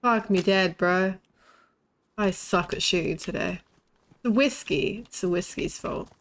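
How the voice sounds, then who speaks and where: While playing a shooter game on stream, a young woman with a lisp chats casually, blunt and full of swearing, laughing often. Her voice is on the low side and a little slow.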